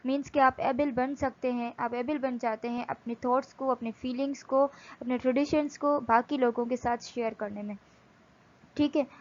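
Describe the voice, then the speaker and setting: A woman's voice: fairly high pitch, fairly even intonation, darkish tone, lo-fi sound. Woman lecturing in Hindi and English. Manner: mixes Hindi with English, reads English text slowly and explains in Hindi. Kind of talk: lecture explaining slides.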